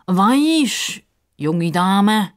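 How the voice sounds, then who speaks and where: A woman voices a self-important, dreamy male crocodile in a children's story, speaking in a Swiss German accent. Her delivery is pompous and deliberate, medium-pitched and very animated, with a grandly dreamy mood.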